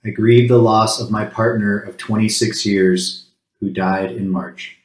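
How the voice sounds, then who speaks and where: Like a worship leader before his congregation, a man with a deep voice conducts a solemn spoken rite. The room is roomy and echoing, and his speech comes in brief, measured phrases with pauses between, delivered very evenly and flatly.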